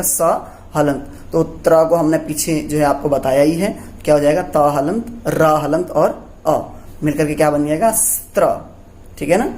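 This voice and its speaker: Speaking in a slightly high, mellow voice, a male teacher walks young pupils through the letters of Sanskrit. He frequently checks in, asking questions and then answering them himself.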